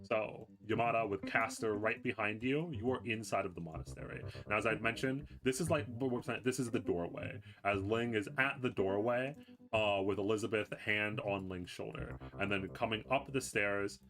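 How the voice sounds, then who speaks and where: A man's voice: lowish voice, moderate pace, fairly bright tone. A man running a tabletop game as game master, casually narrating in a rambling, self-interrupting way.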